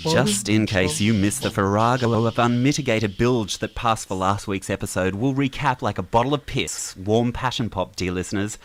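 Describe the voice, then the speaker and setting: A man's voice: lowish voice, normal speed, hardly any pauses, slight background noise. Sardonic man narrating a radio comedy. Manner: sardonic mock-grand delivery. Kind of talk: scripted comic radio narration. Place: radio studio.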